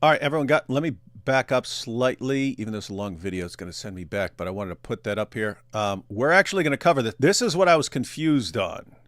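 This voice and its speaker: A man's voice: mid-range voice, expressive, fast talker, fairly bright tone, dry recording. A man hosting a casual reaction commentary, rambling with restarts and laughs as he talks over video clips. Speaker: commentary show host.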